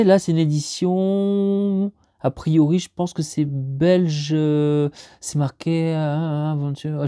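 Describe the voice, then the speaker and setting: Unboxing discs at home, a man chats casually and rambles, full of fillers and restarts, his pitch jumping up when he gets excited. His voice is gravelly, and the recording is clean studio sound with no echo.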